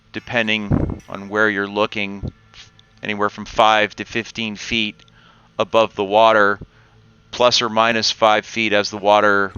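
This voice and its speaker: Bright-voiced game master narrating. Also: male voice, on the low side, clean tone, lo-fi sound. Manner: descriptive, measured, with restarts.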